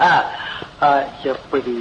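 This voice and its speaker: An actor playing a playful, teasing film hero in conversational dialogue. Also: male voice, very slow, dull audio, heavy background noise.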